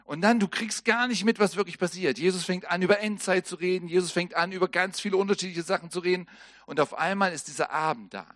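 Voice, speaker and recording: A man preaching a sermon, telling the story in lively fashion and dropping to a soft, low voice for solemn moments. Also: fast talker, dry recording, clean studio sound. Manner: lively storytelling preaching, acting out quoted lines.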